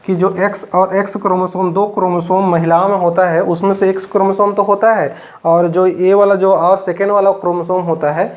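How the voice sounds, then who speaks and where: Lecturing a biology class with a Chhattisgarh Hindi accent, a man from Chhattisgarh talks fairly quickly in a high-pitched, flat delivery. He goes step by step, repeats himself a lot and leans on many fillers.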